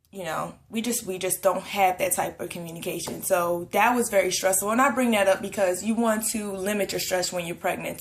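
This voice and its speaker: A young woman talking casually to her camera in a rambling pregnancy vlog, full of fillers and a little out of breath. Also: lowish voice. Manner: chatty, rambling, many fillers. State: a bit out of breath. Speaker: vlogger. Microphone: camera at close range.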